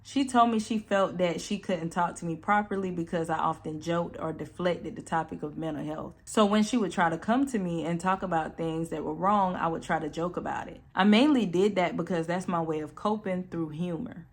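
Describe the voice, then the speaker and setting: A woman reading forum posts aloud in a calm voice, then reacting with blunt, sassy commentary. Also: on the low side, moderate pace, hardly any pauses. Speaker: storytime channel host.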